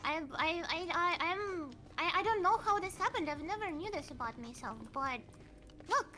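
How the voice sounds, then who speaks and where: Very high-pitched stammering woman roleplayer. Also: animated, moderate pace, pushed and bright. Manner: stammering, repeats words, breaks into laughter. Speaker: roleplay character player. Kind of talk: in-character game roleplay.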